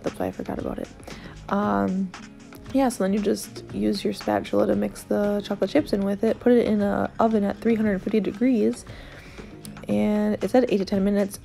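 A woman's voice: medium pitch, vocal fry, warm tone. A young woman chatting casually in a home baking vlog, upbeat and rambling with lots of asides, recorded on a phone camera at home. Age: young adult. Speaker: vlogger. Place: living room couch, then home kitchen.

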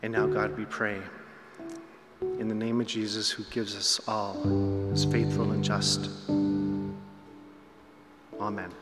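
A man leads a spoken congregational prayer at a pulpit microphone. He speaks in a measured, solemn way. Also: fairly low pitch, level tone. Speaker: prayer leader. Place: chapel. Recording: echoey chapel hall with loud guitar.

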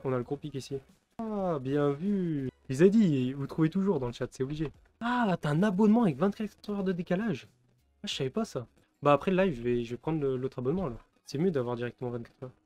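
A man's voice: mid-range voice, a little mellow, no room sound. A man in his twenties from France, rambling through casual live-stream commentary, laughing often and answering chat. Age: 20s.

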